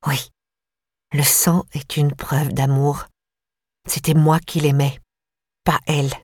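A woman voicing a disturbed young woman, eerily calm and obsessive, in a slow, low murmur for an audiobook. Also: husky, no echo, studio quality, exaggerated voice. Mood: eerie calm.

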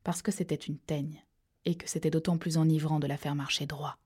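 A woman with a deep, slightly rough voice narrates a thriller audiobook in a steady, measured way. At tense moments she drops into a hush.

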